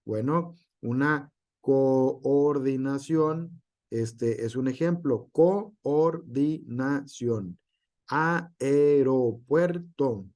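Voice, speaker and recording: Male teacher, online lesson; slow and deliberate, spells out example words, heavy fillers and tag questions. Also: mid-range voice, a little mellow. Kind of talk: online class lecture.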